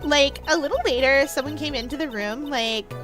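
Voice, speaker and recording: Woman putting on a high-pitched bubbly Valley Girl. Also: normal speed, over music, close to an everyday voice. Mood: gushing. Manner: bubbly sorority-girl drawl peppered with filler words. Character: ditzy young valley girl university student witness. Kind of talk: voicing video game dialogue.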